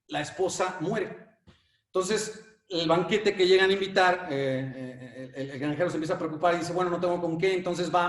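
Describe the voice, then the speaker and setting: A male conference speaker with a Mexican Spanish accent gives a lively lecture and works a fable into it. His fairly high voice is animated, full of repeated words and filler sounds, and it echoes around a roomy space, captured by a distant mic.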